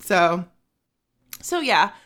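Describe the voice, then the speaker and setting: A woman's voice: fairly low pitch, big pitch swings, drawn-out words, fairly bright tone. A woman co-hosting a casual podcast, chatting about a book with lots of "like" and "um". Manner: chatty, full of "like" and "um". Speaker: podcast co-host discussing a book. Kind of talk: casual chat.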